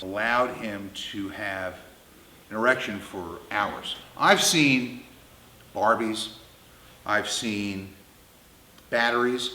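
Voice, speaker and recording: A man in his fifties tells comic anecdotes bluntly, crudely and emphatically, his mid-range voice pushed and bright. The recording has a roomy, echoing indoor sound.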